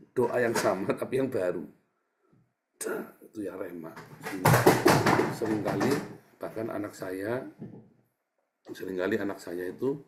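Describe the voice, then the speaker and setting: A middle-aged pastor with a lowish voice delivers a casual, chatty sermon over a noisy background. He keeps calling his listeners brothers and sisters, often turning to them and swinging from quiet asides to loud, emphatic bursts.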